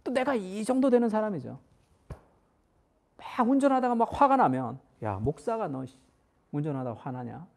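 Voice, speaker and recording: A man's voice: sits high, vocal fry. A middle-aged man preaching a Sunday sermon as pastor, in a conversational style that moves between formal and casual speech.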